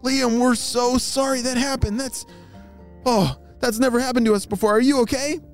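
Woman voicing an eager high-pitched young cartoonish fish. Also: steady tone, moderate pace, soft background music, natural voice. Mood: worried, apologetic.

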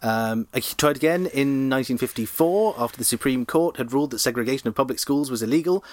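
A man co-hosting a podcast, reading out history facts in a relaxed way with dry jokes and many ums. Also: medium pitch, fast talker. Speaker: podcast co-host.

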